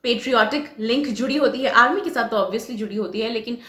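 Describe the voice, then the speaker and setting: A woman's voice: a little high, fairly quick, pushed and bright. Emphatic Bengali woman commentator, echoey room. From West Bengal, India. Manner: switches between Hindi and English, emphatic and critical. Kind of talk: opinionated reaction commentary.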